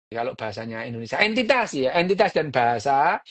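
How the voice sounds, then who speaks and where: A woman's voice: very deep voice, very animated, fast. A woman, hosting a podcast and explaining a book in a casual, chatty way, full of fillers and little jokes.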